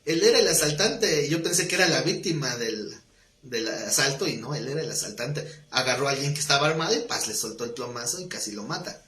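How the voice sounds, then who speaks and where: Bright-voiced man teaching a Bible class. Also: medium pitch, fairly quick, roomy sound. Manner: conversational, tells stories with acted dialogue, asks the class questions. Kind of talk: Bible study class with anecdotes.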